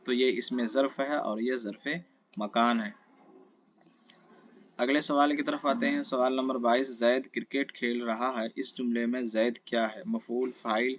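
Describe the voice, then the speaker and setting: A man at a mid pitch teaching an exam-prep grammar lesson. He asks each question aloud and answers it himself, checking back often with his listeners. The recording is close and dry with a slightly muffled tone. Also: a bit bright, no echo.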